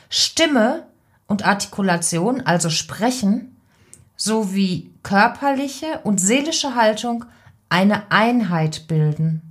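A woman voice coach giving calm, deliberate advice in an instructional podcast. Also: mid-range voice.

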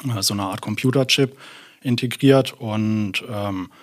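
A man's voice: fairly low pitch, measured pace. A young man from Germany, a doctoral student and podcast guest, explaining his work hesitantly with many fillers. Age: young adult. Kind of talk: casual interview.

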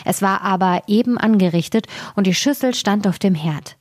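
A woman reading a fairy tale aloud in a calm, measured way as storyteller. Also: mid-range voice, no room sound, studio quality.

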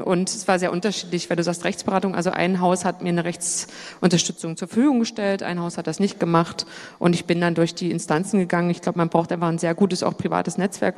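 A woman moderating a panel discussion and handing out the floor briskly. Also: fairly low pitch, a little mellow. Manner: brisk, organizing speakers and questions. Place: conference hall with audience. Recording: long hall reverb.

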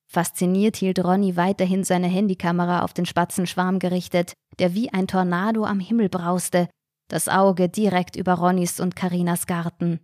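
A woman's voice: lowish voice, darkish tone, no echo, clean studio sound. Woman narrating a suspenseful story. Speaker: podcast narrator.

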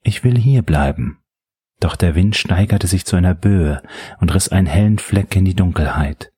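A man voicing a dazed young woman who pleads faintly, only slightly raising his own low voice. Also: moderate pace, dark tone, husky, dry recording, studio quality. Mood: pleading.

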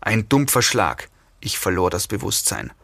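Low-voiced man narrating an audiobook. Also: sing-song, measured pace, vocal fry, fairly bright tone, dry recording, clean studio sound. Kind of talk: scripted first-person narration.

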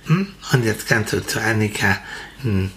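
A woman voicing a cheerful, helpful male sparrow in a children's story, chirpy and eager, talking in quick bursts. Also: extremely low pitch, animated, a bit bright, a little hiss or hum, voice pushed down, exaggerated voice. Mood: coaching.

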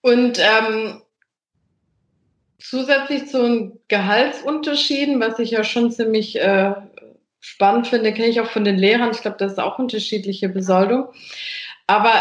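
A woman's voice: on the high side, measured pace. Chatty woman interviewer in a roomy space. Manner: chatty, personal, asks casual questions. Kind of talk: conversational interview.

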